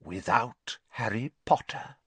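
A man's voice: mid-range voice, sing-song, no echo, voice pushed up. Man voicing cold, hissing Lord Voldemort. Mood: cold menace. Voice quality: hissing, breathy, soft. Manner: imperious, deliberate, contemptuous. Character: cold menacing frail dark wizard lord, male, cruel.

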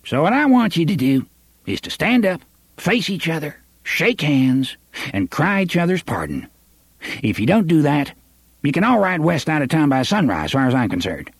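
Guy doing a blustery folksy sheriff, high husky voice, dry sound. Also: sing-song, normal speed, no echo, full character voice. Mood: coaxing. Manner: wheedling, rustic dialect. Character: pudgy folksy male small-town sheriff, blustering.

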